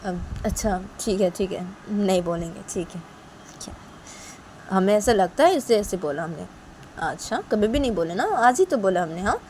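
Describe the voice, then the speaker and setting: A woman's voice: medium pitch, expressive, normal speed, a little mellow, slight background noise, lightly acted. A woman voicing a middle-aged mother who keeps questioning, tacking on nagging tag questions. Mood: probing.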